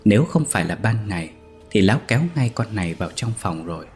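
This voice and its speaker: A man narrating a scripted ghost story in a steady, even storytelling manner. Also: lowish voice, quick pace, soft background music.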